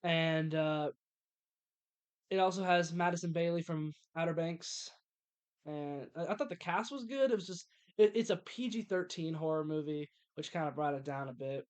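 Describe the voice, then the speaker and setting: A man's voice: on the high side, normal speed, clear, resonant tone. A young man co-hosting a podcast, chatting about movies eagerly and tripping over his words. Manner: enthusiastic, stumbling restarts. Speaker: podcast co-host. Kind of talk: casual movie review chat.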